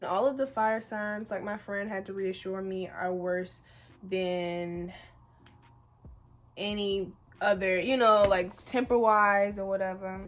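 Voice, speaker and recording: A woman of about twenty telling a story to camera in a casual, animated, chatty way, full of fillers and swearing. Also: mid-range voice, a little hiss or hum. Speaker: vlogger.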